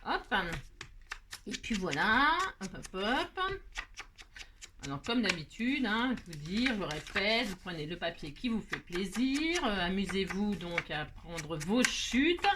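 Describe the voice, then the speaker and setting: A woman's voice: mid-range voice, very animated, slow pace, noisy background. A woman hosting a card-making tutorial, talking casually and playfully to her viewers, narrating each step with little teasing asides. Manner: narrates her hands, frequent "hop" and filler words. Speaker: craft tutorial host.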